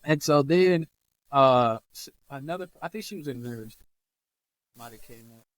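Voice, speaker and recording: A man tells his story as a guest on an interview podcast, recorded over a remote call. His voice sits a little high and swings widely in pitch as he acts out the people he quotes. The sound is close and dry. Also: expressive, measured pace, no room sound, rough recording.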